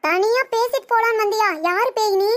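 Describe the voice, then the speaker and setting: A woman voicing a shrill bossy old granny. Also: normal speed. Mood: frightened. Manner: scolding, loud, panics into shrieks. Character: bossy boastful old grandmother, sharp-tongued. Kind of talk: cartoon voice acting.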